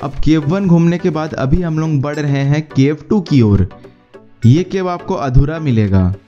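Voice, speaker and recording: A man's voice: fairly high pitch, unhurried, highs cut off. Man narrating a travel guide voice-over. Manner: steady explanatory guide tone, mixing English words into Hindi. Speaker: travel vlogger. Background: faint background music.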